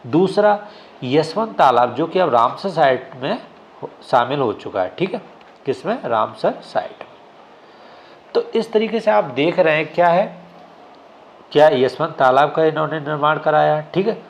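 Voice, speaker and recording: A man's voice: on the high side, animated, measured pace, a little hiss or hum. A male exam coaching teacher giving a classroom lecture. He keeps asking questions and answering them himself, often checking with "ठीक है?".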